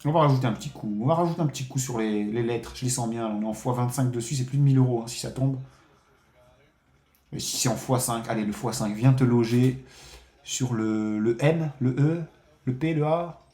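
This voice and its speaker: A man's voice: mid-range voice, fairly quick, roomy sound. A man streaming a live casino game, commenting on his bets with frequent swearing and talking to viewers as friends. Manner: excitable, swears often, addresses viewers as friends.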